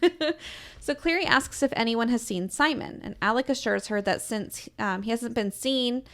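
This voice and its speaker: A woman's voice: a little high, moderate pace, fairly bright tone. A woman co-hosting a podcast, recapping in chatty casual talk with frequent laughs and swearing. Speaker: podcast co-host. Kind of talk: casual chat.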